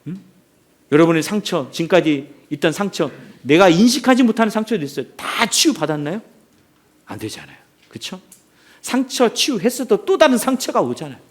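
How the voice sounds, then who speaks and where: A man's voice: high voice, very animated, fairly quick. A man preaching a sermon as a pastor, telling stories with animation and throwing questions out to the congregation.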